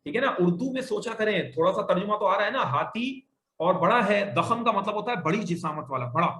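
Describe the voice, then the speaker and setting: A man teaching an Arabic grammar class, patiently repeating sentences slowly and correcting his students. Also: sits high, lively intonation, a bit bright, reverberant, slight background noise.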